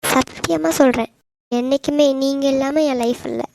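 A woman voicing a gentle, devoted young wife in a cartoon, talking in an earnest, pleading way. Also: sits high, fairly even intonation, moderate pace, creaky, a little hiss or hum. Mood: soothing. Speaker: voice actor. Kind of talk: animated cartoon dialogue.

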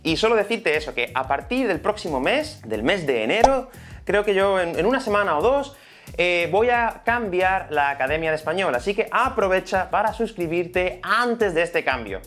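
A man's voice: high voice, sing-song, normal speed, a bit bright, faint music behind. A man with a Spain Spanish accent teaching an online Spanish lesson in a chatty, explanatory way. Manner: chatty, explanatory, many fillers.

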